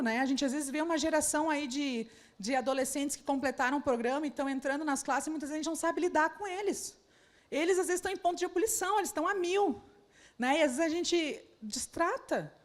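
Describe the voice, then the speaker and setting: A woman preaching to church leaders at a conference, speaking straight to her listeners with many rhetorical questions. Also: sits high. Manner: addresses the audience directly with rhetorical questions. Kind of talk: sermon.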